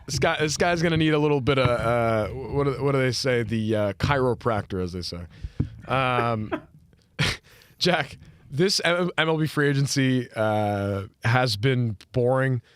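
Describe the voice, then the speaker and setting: A man's voice: medium pitch, lively intonation, measured pace. A man hosting a sports podcast in casual chat, rambling with lots of fillers and restarts. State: hiccuping. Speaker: podcast host.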